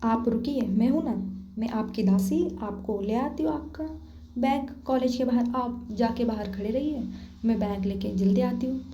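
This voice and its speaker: A woman's voice: fairly high pitch, normal speed, reverberant, highs cut off, noisy background, lightly acted. A woman voicing a meek, playful young female college student who speaks in a mock-deferential, teasing way, in a spoken story. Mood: mock-humble.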